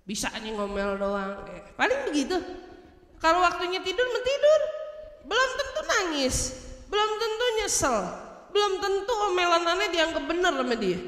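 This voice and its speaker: A lively woman preacher, her high, bright voice bouncing around a big echoey hall. She laughs easily and slips into quick little impersonations as she teaches. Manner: animated, humorous, acts out quoted speech; laughs often while speaking. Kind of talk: religious study talk.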